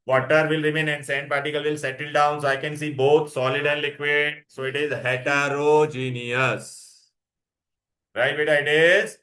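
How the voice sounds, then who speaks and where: A man's voice: fairly high pitch, little pitch movement, normal speed, sharp tone. Man, Indian accent, school teacher, classroom lesson, Hindi mixed into English, repeated points, frequent questions to students. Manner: repeats points, checks understanding with tag questions.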